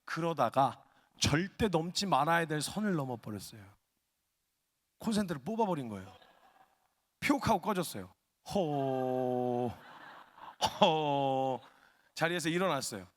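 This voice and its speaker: A male missionary preaching a humorous story-driven sermon, animated and acting out quotes, at a worship gathering. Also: fairly high pitch, a little fast, pauses often. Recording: long hall reverb.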